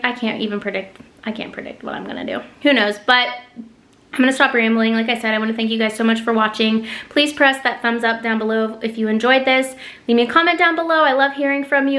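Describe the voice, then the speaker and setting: A young woman, vlogging casually to camera in a chatty, rambling way, with lots of ums. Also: fairly high pitch. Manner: talking quietly with her mouth full. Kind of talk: casual vlog talk to camera. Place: living room at home.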